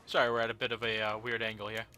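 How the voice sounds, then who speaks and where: A man's voice: fairly low pitch, monotone, rapid-fire, bright, forceful tone. A young man giving casual, rambling commentary on a video game he is playing, with joking asides and many fillers. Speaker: let's play host. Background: game music.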